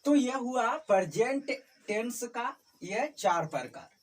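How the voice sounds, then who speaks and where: A woman's voice: on the high side, animated, slow pace. A woman tutoring a class, repeating each term and checking often that students follow. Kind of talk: classroom teaching. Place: tuition classroom. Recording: distant mic with faint background noise.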